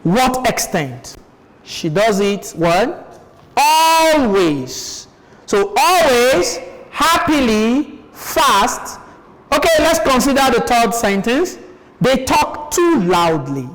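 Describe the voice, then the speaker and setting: A woman's voice: on the high side, slight background noise. A Nigerian woman teaching a televised primary-school lesson, asking questions and repeating sentences for pupils. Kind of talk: classroom lesson on TV. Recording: echoey room with long reverb.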